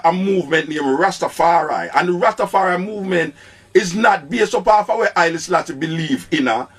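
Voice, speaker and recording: A Jamaican man talks on a call-in radio show in a fairly high voice. He is insistent and keeps breaking in to set the caller straight, and the sound comes through as a radio broadcast. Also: breathy edge. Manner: insistent, cuts in with repeated "wait, no".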